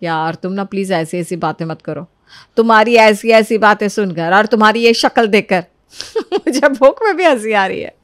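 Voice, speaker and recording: A woman's voice: medium pitch, animated, normal speed, natural voice. A woman voicing a teasing, giggly elder sister-in-law in a cartoon story.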